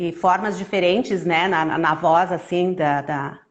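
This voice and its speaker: A woman storyteller who tells a children's tale with lively, expressive intonation, then chats casually with frequent restarts. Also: lowish voice, a little slow, muffled recording. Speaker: storyteller guest.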